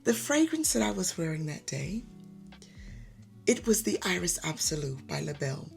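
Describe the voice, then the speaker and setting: A woman's voice: on the low side, big pitch swings, moderate pace, gravelly, soft background music, voice pushed down. A woman putting on a gracious elegant older Frenchwoman. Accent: attempted French accent. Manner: kind and gracious.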